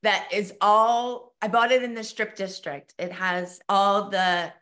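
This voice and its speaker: A woman's voice: mid-range voice, level tone, takes it slowly, a bit bright. A middle-aged woman from Pittsburgh with a strong Pittsburgh accent, chatting and telling stories as a podcast co-host. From Pittsburgh, USA. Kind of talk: casual chat.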